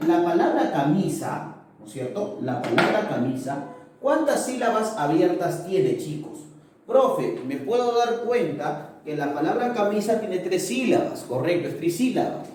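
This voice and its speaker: A man's voice: a little high, mellow. A male language teacher explaining a lesson and checking understanding with frequent tag questions. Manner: explanatory, keeps asking "¿correcto?". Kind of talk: recorded video lesson. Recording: very echoey room, mic far off.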